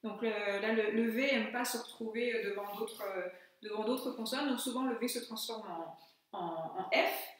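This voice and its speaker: French teacher in an echoey room. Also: female voice, medium pitch, recorded from a distance. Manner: patient, spells out letters and repeats words slowly. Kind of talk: classroom lesson explanation.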